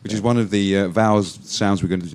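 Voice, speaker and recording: Lowish-voiced man teaching pronunciation. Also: steady tone, quick pace, darkish tone. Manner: demonstrative, drawing out and repeating model sounds; playfully surprised at mistakes. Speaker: English teacher. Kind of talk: friendly pronunciation lesson.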